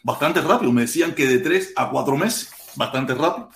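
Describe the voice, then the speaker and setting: A man with a Cuban accent hosting a casual live stream, animated, exclaiming and repeating himself. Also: mid-range voice, brisk. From Cuba. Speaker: podcast host. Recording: echoey room.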